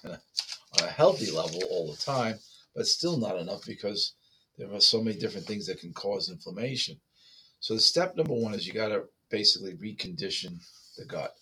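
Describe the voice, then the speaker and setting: A man's voice: on the low side, gravelly, bright, forceful tone, slightly rough. A man giving health advice to listeners, explanatory, with frequent restarts and hiccups. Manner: explanatory, with restarts and repeated okays. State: has the hiccups. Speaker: health talk presenter.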